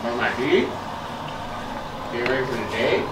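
A young adult man bantering in a relaxed, joking way as co-host of a casual vlog. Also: medium pitch, a little slow, very noisy. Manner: laid-back, joking banter. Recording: echoey room, off-mic, loud music.

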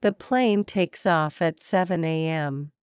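A woman reading short English practice sentences aloud in a plain, deliberate way. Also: on the low side, smooth, no room sound, clean studio sound.

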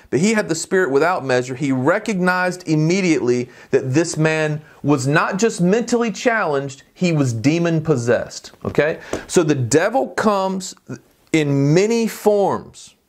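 A man preaching a sermon, teaching in a conversational way, often checking in with the listeners and reading scripture aloud quickly. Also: fairly high pitch, expressive.

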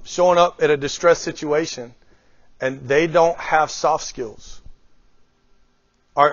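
A middle-aged man delivers a motivational leadership talk to a small live group, often throwing questions at them. His voice sits a bit higher than most men's, on a dry, dull lo-fi recording with no room sound. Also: no echo. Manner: lively, questions the audience often. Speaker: guest speaker.

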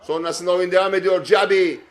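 High-pitched male football commentator over crowd noise. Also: fairly even intonation. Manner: clipped short phrases, drawn-out calls at key moments. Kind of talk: excited play-by-play football commentary, shouting at big moments. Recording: stadium crowd noise behind voice.

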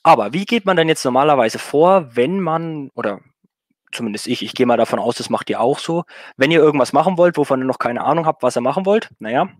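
A man's voice: medium pitch, expressive, fast talker, dry recording. A man presenting a technical talk at an online meetup, speaking loosely with fillers and self-corrections over a video call.

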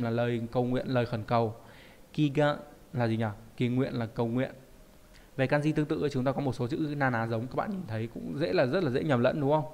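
A man's voice: mid-range voice, darkish tone. A man teaching a Japanese kanji lesson, explaining in a conversational way and often asking rhetorical check questions.

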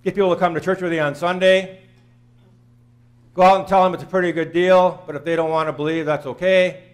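Earnest high-voiced man preaching. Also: fairly even intonation, fairly quick. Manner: earnest, plain-spoken, repeating phrases for emphasis. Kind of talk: sermon. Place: small church sanctuary, in front of the altar.

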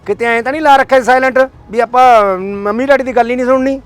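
A sarcastic older father with a Punjabi accent. He fires off complaints quickly in a very high, strained voice. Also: fairly even intonation, smooth. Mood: complaining. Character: sharp-tongued father, impatient and sarcastic.

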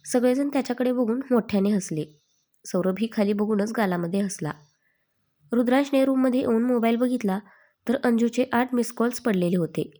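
A woman narrating a scripted story in an expressive storytelling manner. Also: a little high, a little fast.

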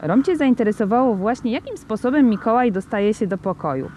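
A woman reading a children's novel aloud with lively, expressive storytelling. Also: a little high, a little fast, a little hiss or hum. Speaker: reader.

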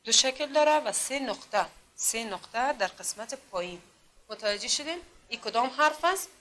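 A woman's voice: on the high side, animated, fairly bright tone, slight background noise. A woman from Afghanistan teaching adults to read in a classroom, patiently drilling them with repeated questions. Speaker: literacy teacher.

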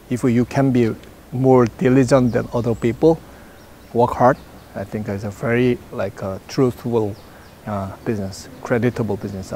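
Man with a mellow voice and halting English. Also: medium pitch, a little hiss or hum. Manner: halting non-native English with many fillers. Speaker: product manager interviewee. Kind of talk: interview answers. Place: outdoors in front of a branded backdrop. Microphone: lapel mic.

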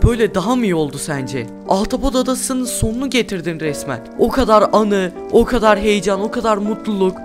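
A man hosting a gameplay video, bantering loudly with friends and narrating between scenes. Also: sits high. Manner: loud, shouting, rowdy banter. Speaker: gaming video host. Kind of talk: excited gameplay chat with narration. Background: background music.

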